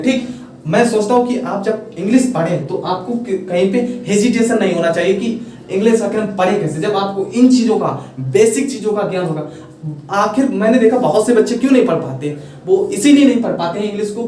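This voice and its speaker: A man with a fairly high voice gives a patient, step-by-step online lesson, circling back over each point and checking that his viewers keep up. He sounds a little away from the mic in an echoey room, with faint noise behind him. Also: a little mellow, recorded from a distance. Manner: patient, repetitive explaining with rhetorical checks. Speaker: English teacher.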